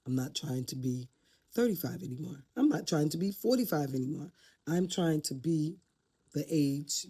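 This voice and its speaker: A woman's voice: deep voice, dark tone, breathy edge. An older woman talking to camera off the cuff, reflective and heartfelt as she shares life advice. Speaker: vlogger giving life advice. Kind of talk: casual unscripted talk to camera.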